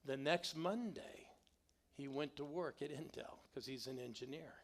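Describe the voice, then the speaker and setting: A middle-aged male pastor tells stories from the pulpit, his voice gravelly at a middle pitch. He urges the congregation to respond out loud and build up the story with him. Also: normal speed. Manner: animated, calls on the congregation to respond. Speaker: guest pastor. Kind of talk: storytelling sermon. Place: church sanctuary.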